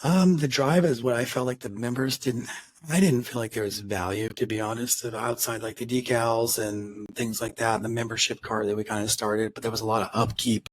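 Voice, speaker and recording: A man's voice: medium pitch, fairly even intonation, fairly quick, low-quality recording. A man co-hosting a car podcast, chatting casually and rambling, with frequent restarts and acted-out quotes. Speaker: podcast co-host. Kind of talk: casual chat.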